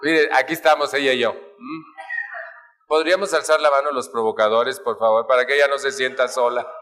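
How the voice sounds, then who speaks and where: A man's voice: mid-range voice, fairly even intonation, a little fast, fairly bright tone, faint music behind. A man with a Mexican accent giving a humorous talk to a live audience, playfully acting out family arguments with shifting voices. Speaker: speaker at a family recovery talk.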